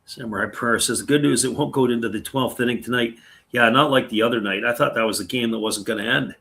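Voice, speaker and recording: Speaking quickly, a male commentator works through a live baseball broadcast one pitch at a time, his gravelly voice growing raspy after talking for so long. He keeps things casual and chatty, stopping occasionally to respond to what viewers write.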